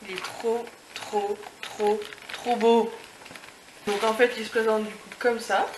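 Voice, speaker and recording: A young woman, a beauty and lifestyle vlogger, chats casually through an unboxing review and gushes over the item, with lots of fillers and restarts. Her voice sits a little high with little pitch movement, and she speaks slowly. The recording has an echoey room and background noise.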